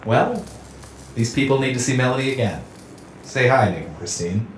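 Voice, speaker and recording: A man's voice: mid-range voice, animated, moderate pace, close to an everyday voice. A man playing a laid-back, bodiless, staticky figure who talks in casual slang. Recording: roomy echo with faint hiss.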